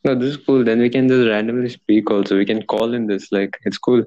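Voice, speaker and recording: A nineteen-year-old man from Dubai, an engineering student, co-hosts a casual podcast over a call, sounding easygoing and agreeable. His mid-range voice is warm and level, moving a little fast. The call audio is dull, with faint noise.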